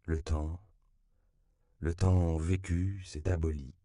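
A man's voice: sits low, little pitch movement, takes it slowly, dry recording, clean studio sound. A man reading as a tactful American missionary. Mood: awed. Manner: gentle, tactful. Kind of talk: audiobook character reading.

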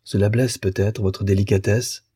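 Man voicing a sharp, accusing bourgeois wife. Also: on the low side, normal speed, breathy edge, no room sound, clean studio sound. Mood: indignant. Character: wounded, bitter bourgeois wife.

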